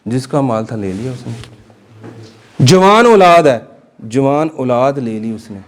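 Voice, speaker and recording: Animated male Quran class teacher. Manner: animated, rising pitch for emphasis, asks the class questions. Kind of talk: religious class lecture.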